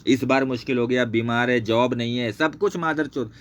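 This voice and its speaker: A channel host with a medium-pitched voice talks at normal speed during a screen-share rant aimed at a former associate. He is angry and heavily profane, pointing things out on screen and saying the same things over and over.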